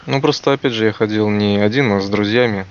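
A man's voice: lowish voice, quick pace, slight background noise. A young man co-hosting a podcast in a casual, conversational style. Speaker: podcast co-host. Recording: dull, lo-fi sound.

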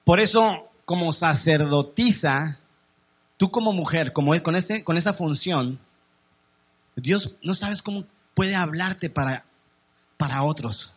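A man's voice: fairly high pitch, takes it slowly, long pauses, breathy edge, highs cut off. A male pastor with a Mexican accent, preaching a sermon in a church in a chatty style that keeps checking in with the congregation. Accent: Mexican Spanish. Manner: conversational preaching, asks "¿me explico?".

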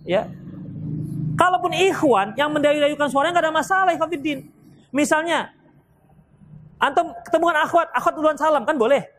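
A man from Indonesia teaching an Islamic study session and answering audience questions, lively and playful as he acts out short exchanges. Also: extremely high pitch. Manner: lively, mimics people in quick asides, laughs along. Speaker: ustadz giving a religious study session.

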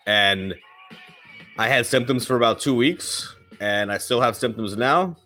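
A man's voice: mid-range voice, measured pace, bright, forceful tone, soft background music. A man hosting a live podcast, hyping it up, swearing and repeating his phrases, while a chest cold keeps him coughing. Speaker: podcast host. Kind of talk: casual live podcast chat.

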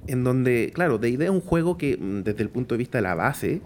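A Chilean man chatting casually on a podcast about horror role-playing, pausing often with fillers and restarts. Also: mid-range voice, animated, darkish tone. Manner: hesitant, many fillers and restarts. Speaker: podcast host discussing tabletop horror games.

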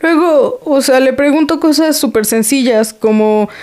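A woman's voice: sits high, measured pace, a little mellow. An actress playing a sulky teenage daughter upset about her boyfriend, with a Mexican Spanish accent. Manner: sulky, reluctant.

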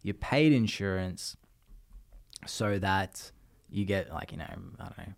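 A man with an Australian accent talks in a low, easygoing voice. He rambles through his points, restarting sentences as he goes. He tells stories casually, like a guest on a chat show. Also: unhurried, vocal fry. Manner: rambling, restarts, lively storytelling. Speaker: podcast guest.

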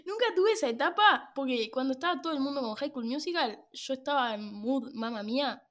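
A woman in her twenties with a Rioplatense Spanish accent, co-hosting a film podcast with teasing, quick-witted banter. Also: high-pitched, expressive, a bit bright. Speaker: podcast co-host. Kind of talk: casual chat.

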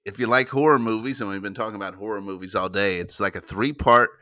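Bright-toned laid-back podcast host. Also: male voice, lowish voice, fairly even intonation, fast, no room sound. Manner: laid-back, rambling with restarts, says dude. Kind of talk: casual podcast banter.

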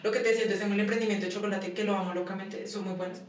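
A woman's voice: mid-range voice, fairly even intonation, racing. A young woman telling personal stories in a casual interview, acting out dialogue and laughing often. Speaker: guest. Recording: echoey room from far off, some noise.

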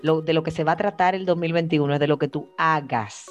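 A woman co-hosting a casual chat, speaking in a reflective, emphatic way with drawn-out phrases. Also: deep voice, fairly even intonation, muffled recording, soft background music. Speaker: podcast co-host. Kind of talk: casual chat among friends.

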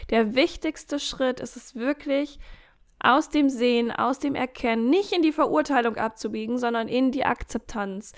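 A woman in a casual podcast chat, giving coaching advice in an animated way, acting out inner voices and adding jokey asides. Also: high-pitched, moderate pace. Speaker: podcast guest.

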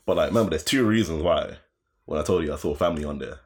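With a very deep voice and quick delivery, this young man tells a laid-back story in an urban London roadman accent. His talk is slangy and lively, and he repeats phrases to stress them.

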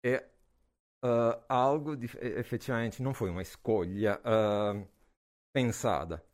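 A man in his forties from Naples with an Italian accent, a physics professor answering interview questions in a relaxed way, with frequent hesitations and fillers. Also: medium pitch, a little slow. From Naples, southern Italy. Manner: hesitant, many "ah" fillers, laughs easily.

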